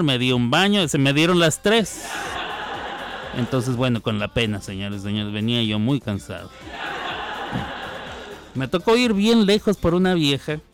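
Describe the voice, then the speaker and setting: A man's voice: on the high side, clean tone. A man, a radio host telling a joking story in a casual, chatty monologue with playful sound effects.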